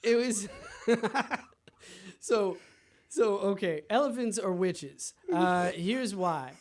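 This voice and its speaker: A man from the D.C. area, a comedian guest, telling stories in a playful, animated way during a casual studio podcast chat. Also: sits high, slow. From Washington, D.C. area.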